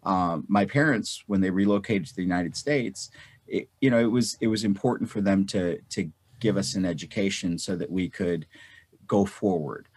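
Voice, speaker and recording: A low-voiced, slightly husky man in his fifties, from North India, answers an interview question at length. He stumbles and repeats words as he goes, then gets animated when he acts out what people said. The sound is close and dry. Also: normal speed, no echo. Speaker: guest.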